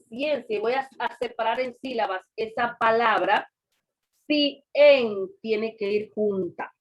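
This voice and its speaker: A woman teaching a class over a video call, patiently repeating examples and quizzing her students. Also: a little high. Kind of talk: online class lecture.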